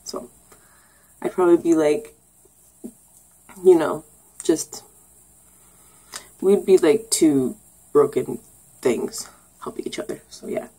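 A woman's voice: deep voice, takes it slowly, long pauses, mellow, breathy edge, low-quality recording. A young woman vlogging casually, rambling and giggling, with lots of ums and sarcastic asides. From Canada. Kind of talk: casual get-to-know-me vlog.

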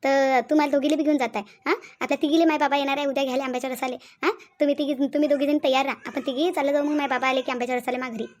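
A woman's voice: high-pitched, flat delivery, rapid-fire, hardly any pauses, lightly acted. A woman with a Vidarbha Marathi accent voicing an eager young daughter-in-law in a cartoon. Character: cheerful young newly married daughter-in-law. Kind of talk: cartoon voice acting.

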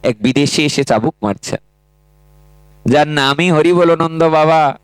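Male kirtan-style preacher, unhurried, resonant and fairly high voice, chants verses between the storytelling. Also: clear, resonant tone, no echo, low-quality recording. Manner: drawn-out chanting delivery, dramatic voicing of quoted characters; addresses the women listeners directly. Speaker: Bhagavata reciter. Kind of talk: devotional storytelling sermon with sung verses.

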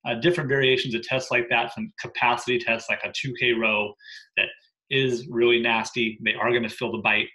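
Talking briskly at medium pitch, a thirtysomething man who coaches gym programming addresses gym owners over his laptop webcam from a living room. His delivery is energetic and emphatic, sprinkled with frequent "right?" The audio quality is low.

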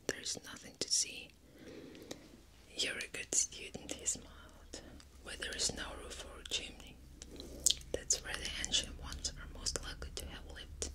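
A young woman whispers a book softly from ear to ear into a close binaural microphone, in an unhurried ASMR style. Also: rough recording. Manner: soft, unhurried, fully whispered. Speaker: ASMR host. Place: small indoor room. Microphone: close binaural microphone in a plush cover.

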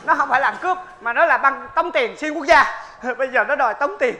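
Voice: high-pitched, a little fast, sharp tone. Performer doing a panicky henpecked husband. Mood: flustered. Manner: flustered, yelping, pleading. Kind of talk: stage comedy acting.

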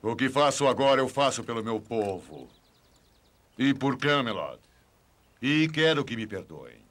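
Noble, forceful, expressive king. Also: mid-range voice, a little slow. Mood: solemn resolve. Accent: Brazilian. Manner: solemn, regal declamation. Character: noble, proud, resolute male king. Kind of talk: dubbed film drama acting.

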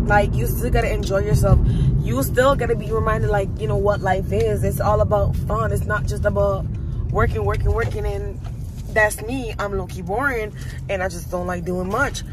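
Young woman vlogging in her car, chatty and informal, faint car hum behind. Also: medium pitch. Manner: chatty and informal, addresses viewers as y'all. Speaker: vlogger and new graduate nurse. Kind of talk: casual vlog chat.

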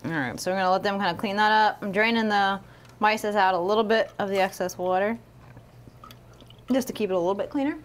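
Chatty woman co-hosting a live stream, mid pitch, upbeat, lots of ums, faint hum behind. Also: quick pace. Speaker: co-host of a livestream. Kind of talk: casual livestream demonstration. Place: aquarium studio.

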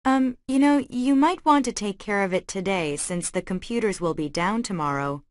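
A woman's voice: mid-range voice, normal speed, no echo, clean studio sound, natural voice. A woman playing a helpful coworker. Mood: friendly. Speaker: dialogue voice in listening test. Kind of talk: scripted test dialogue.

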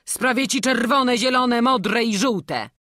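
A woman's voice: a little high, takes it slowly, a bit bright, no room sound, clean studio sound, voice pushed up. A woman voicing an anxious older male master woodcarver in an audiobook, fretful and scolding. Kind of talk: audiobook character reading.

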